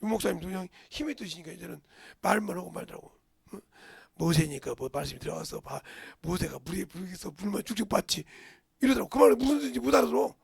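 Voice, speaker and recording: A middle-aged male pastor preaching a sermon in a church, dropping to whispers and bursting into shouts. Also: high voice, lively intonation, fast talker, gravelly, slightly rough, no room sound, clean studio sound. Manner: swings from hushed whispers to sudden shouts. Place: church sanctuary.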